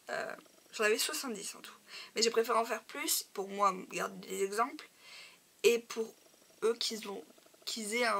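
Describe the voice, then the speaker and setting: Femme au timbre éraillé, un peu nasale. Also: female voice, a little high. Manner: hesitant, many fillers, drops to a soft whisper at times. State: slightly nasal from a cold. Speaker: crafting vlogger. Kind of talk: casual show-and-tell.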